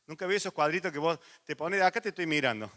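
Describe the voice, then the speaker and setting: Bright-voiced Rioplatense pastor preaching. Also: male voice, fairly high pitch, fast talker. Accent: Rioplatense Spanish. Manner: animated storytelling with laughs, then quiet intimate pleading. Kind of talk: sermon.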